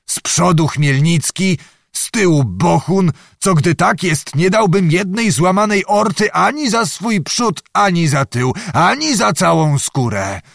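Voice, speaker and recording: A man's voice: high-pitched, lively intonation, a little slow, gravelly, fairly bright tone, dry recording, clean studio sound, voice pushed up, exaggerated voice. A man voicing a boisterous, jesting old nobleman who blusters, swears and cracks jokes in an audiobook reading. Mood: grumbling. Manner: blustering and exclamatory, full of oaths and quips.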